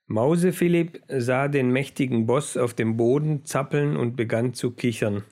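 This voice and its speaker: A man reading a children's book aloud in a measured storytelling manner. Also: medium pitch, darkish tone. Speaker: narrator. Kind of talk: audiobook narration.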